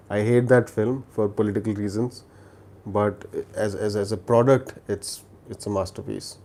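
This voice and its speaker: Here a livestream host with a Telugu Indian accent chats about films he recommends. His voice is low, gravelly, and slightly mellow, and he tends to repeat himself and begin sentences over.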